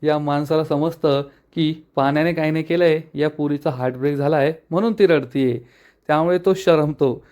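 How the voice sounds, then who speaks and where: A man narrating a recap of a television serial episode in steady, plain storytelling. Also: a little high, moderate pace.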